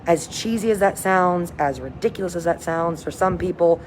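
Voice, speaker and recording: Woman, upbeat cruise director, enthusiastic, casual livestream chat, lowish pitch, noisy ambient recording. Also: moderate pace, darkish tone. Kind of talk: casual livestream update to viewers. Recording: noticeable background noise, windy ambience.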